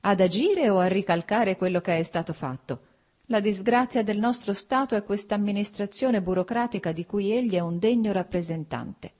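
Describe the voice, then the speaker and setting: A woman's voice: mid-range voice, normal speed, darkish tone, close to an everyday voice. A woman voicing a cold, stiff middle-aged official who speaks curtly and sardonically. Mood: sardonic.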